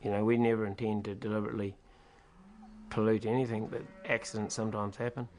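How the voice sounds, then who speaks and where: A man with a New Zealand accent, a farmer answering informally and plainly, a little haltingly. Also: lowish voice, little pitch movement, darkish tone, a little hiss or hum. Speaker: dairy farmer being interviewed.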